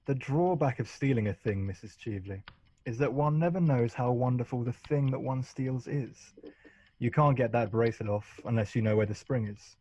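Lord Goring, husky wry gentleman, played by a man. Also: mid-range voice, lo-fi sound, lightly acted. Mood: coolly mocking. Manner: measured, cutting, formal. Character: wry, righteous Victorian gentleman lord, unflappable. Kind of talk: radio play acting.

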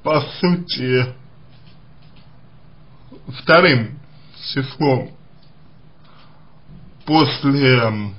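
A man answering a listener's question as a psychologist, speaking slowly and haltingly with many hesitations and restarts. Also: mid-range voice, animated, dull audio. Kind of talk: recorded advice monologue.

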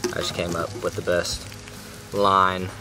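A man's voice: sits low, flat delivery, unhurried, low-quality recording. Laid-back guy cooking outdoors. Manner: laid-back, folksy, chatty. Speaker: host. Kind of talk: casual cooking demo to camera. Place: outdoors on a gravel riverbank. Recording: music playing under the voice. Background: background music.

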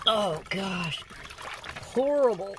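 A woman filming a casual vlog outdoors at her backyard pond. She gushes over her koi and coos at them. Her voice sits at an ordinary middle pitch. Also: expressive, drawn-out words, background noise. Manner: gushing, coos to her fish. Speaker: koi farm owner.

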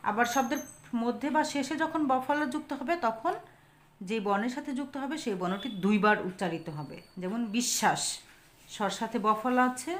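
A woman teacher giving a grammar lesson on pronunciation, repeating example words slowly and answering her own questions. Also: fairly high pitch, slight background noise.

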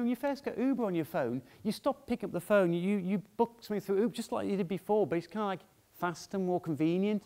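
A man with a fairly high voice delivers a conference talk from a stage in a big hall. He keeps it loose and conversational, tossing "yeah?" out to the crowd between points. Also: a little mellow. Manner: chatty, asks "yeah?" to the audience often. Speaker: conference speaker.

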